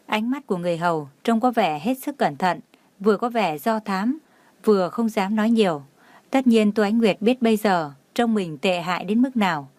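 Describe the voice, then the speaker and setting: A woman narrating a romance story in a steady, even storytelling manner. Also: medium pitch, dry recording.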